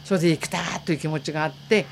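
A woman's voice: sits low, rapid-fire, background noise. Earnest elderly woman recounting memories. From Okinawa, Japan. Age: 80s. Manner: vivid, earnest, re-enacts voices and calls. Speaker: war survivor giving testimony. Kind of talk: personal storytelling in an interview.

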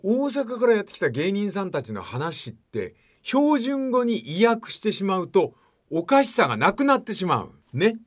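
A man's voice: high voice, sing-song, normal speed, hardly any pauses. An older man hosting a radio talk show, telling stories in a rambling, folksy way and putting questions to his co-host.

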